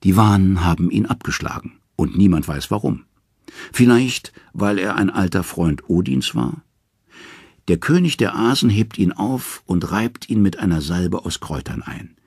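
A male audiobook narrator tells myths in a lively, expressive way. His voice is very low and gravelly with a husky edge, and the sound is dry and close. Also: moderate pace, no room sound. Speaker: audiobook reader. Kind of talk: scripted storytelling narration.

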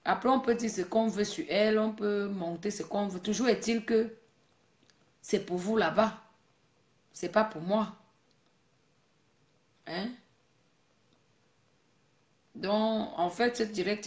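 Woman host of a casual live stream, scolding and preachy, mid-pitched, recorded in an echoey room. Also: measured pace, pauses often, darkish tone. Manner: scolding, preachy, repeats herself.

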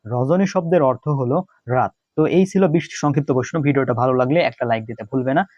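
A man's voice: medium pitch, fast talker, darkish tone, dry recording, highs cut off. A young man, running an exam-prep lesson, reading each question and repeating the answers. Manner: reads questions then answers, repeats key answers.

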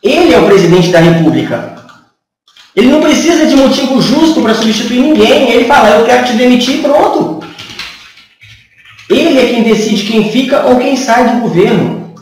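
A man's voice: very high voice, animated, moderate pace, darkish tone, distant mic. A man in his thirties with a Brazilian Portuguese accent, giving a rhetorical, sarcastic political opinion monologue to camera in a small room. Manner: rhetorical, sarcastic, asks many questions. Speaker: channel host. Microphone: camera from a few feet away. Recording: echoey room, voice a bit off-mic.

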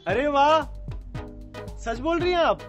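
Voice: high-pitched, lively intonation, unhurried, dull audio, over music. A performer playing a shy, overly courteous young male suitor in a comedy family skit. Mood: eager.

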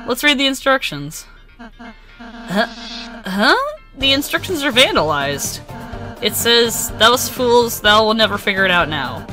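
A woman voices a gentle little monster prince in a video game. The voice is raised and mild, earnest and a bit hesitant, with music behind it. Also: on the high side, expressive, unhurried, pauses often, pitched above the performer's own voice. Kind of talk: voicing video game dialogue in a let's play.

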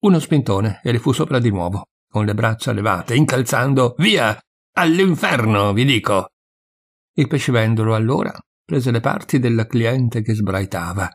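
A man narrating a short story as an audiobook in a measured storytelling way, with a husky voice. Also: mid-range voice.

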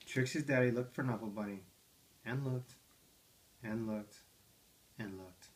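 A man with a medium-pitched voice reads picture books to his toddler daughter from a living room armchair at home, speaking unhurriedly over slight background noise. He's playful and coaxing, asking her questions about the pages.

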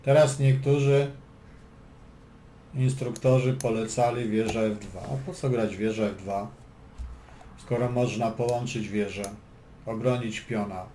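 The man teaching this chess lesson has a warm, steady voice on the low side, unhurried and full of pauses. He calls moves, explains plans and tosses in dry jokes between them. It is recorded in an echoey room with faint background noise.

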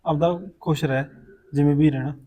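A man's voice: a little high, steady tone, fairly quick, dark tone, slight background noise, natural voice. A man acting an elder brother who asks his widowed sister to forgive him and reassures her. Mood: apologetic. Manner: earnest, pleading, reassuring. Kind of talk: amateur village short-film acting.

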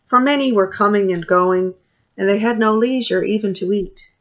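A middle-aged woman priest leading a morning prayer service from a small office, reading scripture and prayers in a measured, steady way into a webcam. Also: mid-range voice. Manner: measured, steady reading with pauses between phrases. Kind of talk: reading a liturgy aloud. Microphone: webcam at desk distance.

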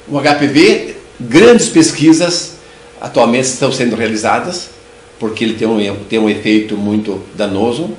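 A man's voice: mid-range voice, slight background noise. An older man with a Brazilian Portuguese accent giving a clinical lecture as a dental surgeon, explaining step by step and often restarting words. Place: room with bookshelves. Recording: echoey room sound.

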